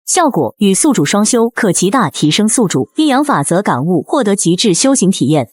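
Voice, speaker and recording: A woman voicing an in-world system that announces events in flat, reading tones. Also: medium pitch, fairly quick, husky, no echo, clean studio sound. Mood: announcing.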